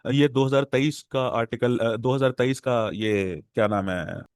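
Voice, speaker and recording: A man with a Pakistani Urdu accent lecturing a class of exam students on translation, explaining patiently and repeating words slowly to drill them. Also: mid-range voice, clean tone, dry recording, clean studio sound. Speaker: English professor lecturing exam aspirants.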